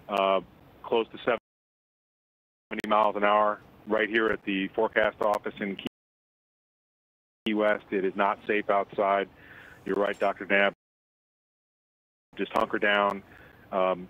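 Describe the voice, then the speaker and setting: A man speaking as a weather forecaster over a phone line in a live news interview, serious and measured, with halting phrases. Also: fairly low pitch, flat delivery. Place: indoors at a forecast office. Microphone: telephone. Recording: band-limited phone line.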